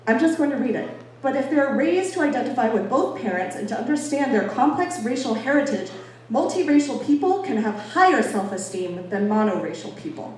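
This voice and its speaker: A woman from Boston, United States, speaks fairly quickly in a fairly high, slightly mellow voice with lively intonation. Her informal public talk is emphatic and conversational, full of playful self-deprecation. Heard in an echoey indoor venue with an audience, through a distant mic with faint noise.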